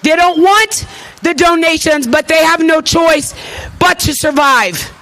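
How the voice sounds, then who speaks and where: Her voice very high and a bit bright, an activist woman in her thirties addresses a rally audience without hurrying. The speech is impassioned and emphatic, marked by repeated phrases and emotional delivery.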